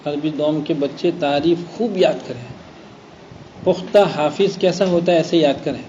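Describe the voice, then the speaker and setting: A man teaching a Quran recitation class. He explains slowly, draws out the example words and checks that students follow. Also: on the high side, dark tone. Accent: Gujarat Urdu. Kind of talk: classroom lesson. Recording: dull lo-fi classroom recording with faint noise.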